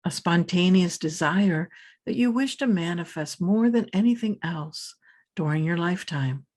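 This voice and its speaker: A meditation teacher, a woman with a lowish voice, takes listeners through a scripted guided meditation. Phrases are separated by pauses, and her manner is soothing, calm, and measured.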